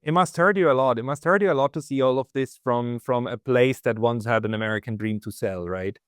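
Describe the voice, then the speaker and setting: A man hosting an interview who asks long questions haltingly, restarting his words. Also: mid-range voice, clean tone, no room sound, studio quality. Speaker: interview host.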